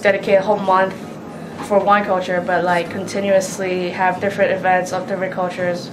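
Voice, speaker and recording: A woman's voice: on the low side, little pitch movement, fairly quick. A young woman from Hong Kong, a student, answering interview questions in a casual way with lots of "like". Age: young adult. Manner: casual, uses "like" often. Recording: echoey room with background noise.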